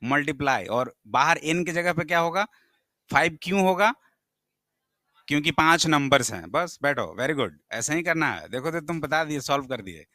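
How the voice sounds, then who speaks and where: A man's voice: fairly high pitch, lively intonation, normal speed, pushed and bright, dry recording. A male math teacher, lecturing a classroom and firing questions at his students, sometimes scolding them.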